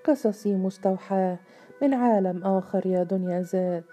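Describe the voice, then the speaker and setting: A woman's voice: mid-range voice, normal speed, dark tone, faint music behind, close to an everyday voice. A woman reading the part of a wise young queen who worries over a secret, in a storybook tale. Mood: worried. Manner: earnest, worried.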